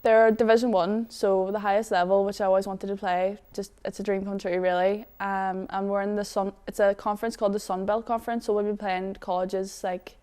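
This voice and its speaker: A woman's voice: mid-range voice, little pitch movement, fairly quick, few pauses, darkish tone, clear, resonant tone. A woman in her twenties from Northern Ireland with a Derry accent, chatting casually as a footballer in an interview. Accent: Derry, Northern Irish. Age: 20s. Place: studio.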